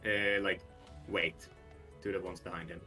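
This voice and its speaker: A man's voice: deep voice, flat delivery, unhurried, sharp tone, soft background music, poor audio. A man speaking casually as a player in a tabletop role-play session, hesitant with fillers.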